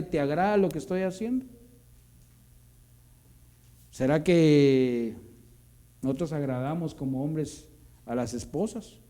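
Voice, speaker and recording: Preacher, man, folksy sermon, dark mellow voice, slightly raised pitch. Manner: conversational, frequent tag "¿va?". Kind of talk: informal sermon. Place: church.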